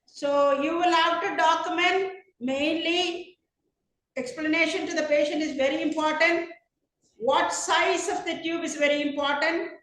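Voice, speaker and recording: High-voiced woman teaching over a video call. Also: steady tone, unhurried, a bit bright, very echoey, slight background noise, rough recording. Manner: instructive, stresses key points with repetition. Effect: heard over a video call. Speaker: doctor demonstrating a procedure. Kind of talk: webinar teaching demonstration.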